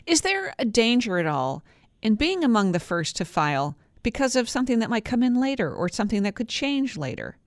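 Woman radio news host interviewing someone, really animated pitch, tight dry studio. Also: a little fast, no echo. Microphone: studio microphone.

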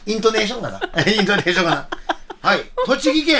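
A man's voice: sits high, animated, quick pace, crowd noise. A man hosting a radio show in Kagoshima dialect, chatting playfully and reading listener mail aloud with frequent chuckles. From Kagoshima, Japan. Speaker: radio host.

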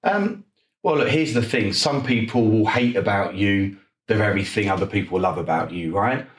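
An enthusiastic, energetic man with an Essex accent, answering conversationally as an interview guest. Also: fairly low pitch, normal speed, echoey room. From Essex, England. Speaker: interview guest, property coach.

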